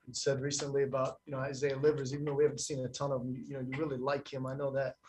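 Quick-talking male sports reporter. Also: medium pitch, little pitch movement, a little mellow, slight background noise. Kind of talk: press conference questions.

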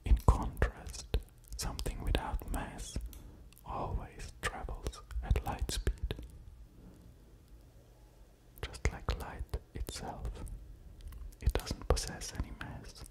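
A man in his thirties giving a whispered ASMR lecture, slow and deliberate, very close to studio microphones at the ear. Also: low-quality recording. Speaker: ASMR creator explaining physics. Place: small quiet room at home, indoors. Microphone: pair of studio condenser microphones with pop filters, very close.

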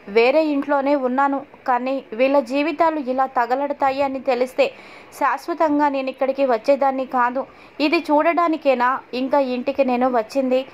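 A woman's voice: sits high, natural voice. A woman voicing a worried, tearful middle-aged mother-in-law in a sorrowful lament. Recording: dull lo-fi audio.

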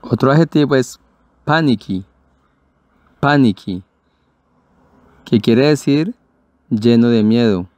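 A man's voice: medium pitch, moderate pace, warm tone, dry recording. A man teaching English pronunciation to Spanish speakers, patiently repeating and spelling out each word.

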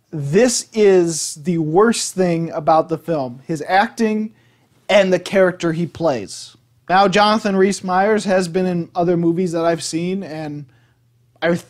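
A man giving a casual movie review, blunt and opinionated, swearing freely. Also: high-pitched.

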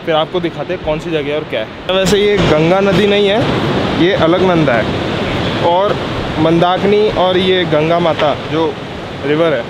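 Brief: young male travel vlogger, slightly high voice, chatty and excited, outdoors with rushing water behind. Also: very noisy. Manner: chatty, excitable, often laughing along. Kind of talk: casual on-the-go vlog chat. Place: outdoors by a mountain river and waterfall. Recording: outdoor vlog with loud river rush.

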